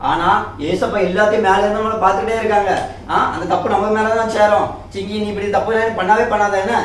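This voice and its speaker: A man's voice: sits high, level tone, fast talker. A man scolds and preaches as a Sunday school teacher in a children's skit, ending his lines with questions. He is heard from far off in a very echoey room, with faint hiss underneath. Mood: scolding.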